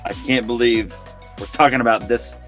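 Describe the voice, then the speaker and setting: Guy doing a grumpy droid, slowed down, agitated, kinda plain voice. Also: medium pitch, fairly even intonation, a bit bright, soft background music, lightly acted. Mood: grumbling. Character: agitated male droid, gruff and grumbling.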